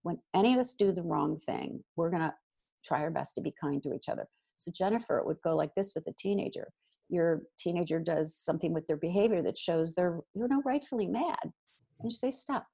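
A woman giving parenting advice in casual chat, animated and acting out what parents and kids might say. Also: fairly low pitch, fairly quick, creaky, husky. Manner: animated, acts out quoted dialogue. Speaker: parenting guest expert.

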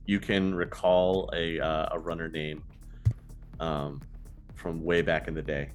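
Low-voiced man running a tabletop game. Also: level tone, a little slow, soft background music. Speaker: game master.

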